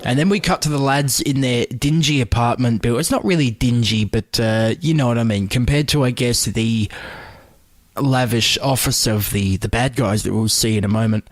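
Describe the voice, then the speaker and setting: A man's voice: medium pitch, normal speed, no room sound. A man co-hosting a podcast, chatting casually and jokingly about a TV pilot. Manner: joking, swears, slips into mimicry. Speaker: podcast co-host. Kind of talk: casual review chat.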